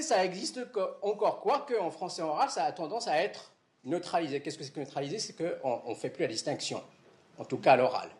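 A man's voice: on the high side, a little mellow, roomy sound. A man giving a lecture, explaining step by step and often checking that his students follow. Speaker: university lecturer.

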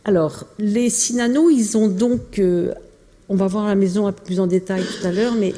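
A woman's voice: mid-range voice, normal speed, mellow. A woman giving an informal illustrated talk about family archives, speaking hesitantly with many fillers and restarts. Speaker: lecturer presenting family archives. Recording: long hall reverb.

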